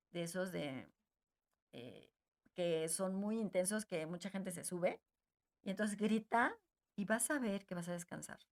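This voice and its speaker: Low gravelly-voiced woman giving gentle advice. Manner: gentle, repetitive, addresses listeners directly. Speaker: emotional wellness speaker. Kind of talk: advice talk to an audience.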